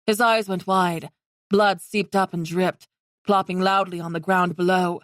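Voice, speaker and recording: A woman reading a fantasy romance audiobook in steady scripted narration. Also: on the low side, a little slow, no echo, clean studio sound.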